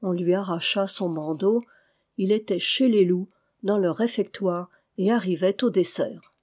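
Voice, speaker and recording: A woman narrating a classic adventure novel aloud in a measured, expressive way. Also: mid-range voice. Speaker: audiobook reader.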